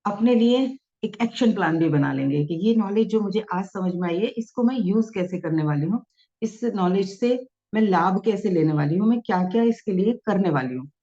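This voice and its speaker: A self-help teacher speaks to camera patiently, repeating her points and reading passages aloud with expression. Her mid-range voice is expressive and dark-toned at a moderate pace, and the lo-fi recording sounds dull.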